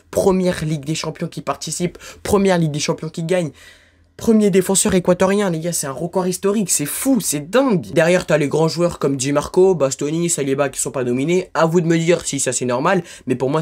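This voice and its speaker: A man with a French accent giving a heated football reaction rant to his viewers, repeating himself, jumping between loud outbursts and low mutters. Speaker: football YouTuber.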